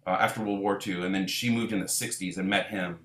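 Talking fast in a low-pitched voice, an Israeli band leader gives a lengthy, relaxed interview. The room is reverberant, and his speech drifts along with many fillers and restarts.

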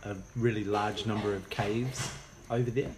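A man's voice: lowish voice, steady tone, normal speed, background noise. A man co-hosting a podcast, joking and teasing his co-host in casual chat.

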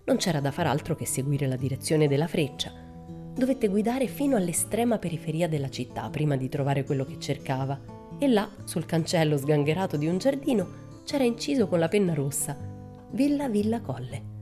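A woman narrating a children's storybook in a measured, expressive way. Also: deep voice, music in the background. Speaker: audiobook narrator. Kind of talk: storybook reading.

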